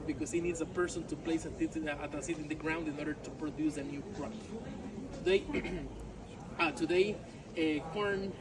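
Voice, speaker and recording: The recording is rough, capturing a fairly high-voiced tour guide outdoors among ruins with tourists crowding behind. He grew up speaking Yucatec Maya and speaks English with a Mexican Spanish accent, joking, chatting, laughing at his own jokes, and frequently saying "all right?" and "my friends."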